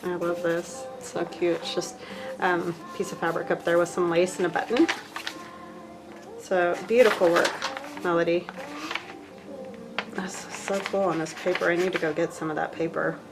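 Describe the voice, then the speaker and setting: A woman vlogging casually as she unboxes craft mail, chatty and gushing, thinking out loud as she handles supplies and filling pauses with lots of ums. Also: lowish voice, flat delivery, over music, poor audio. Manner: chatty and gushing, with many fillers.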